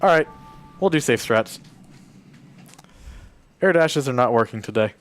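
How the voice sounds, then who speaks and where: Soft music plays behind a mid-range, expressive male voice that moves a little slowly. He's speedrunning live for a charity marathon, casually describing his route and talking to the game's characters to coax them forward.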